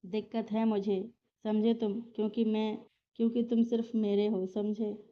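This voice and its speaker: A man's voice: sits high, little pitch movement, normal speed, a little hiss or hum, natural voice. Woman voicing a fiery, bossy young woman. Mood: angry. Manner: fierce, bossy, scolding. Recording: slightly dull lo-fi recording.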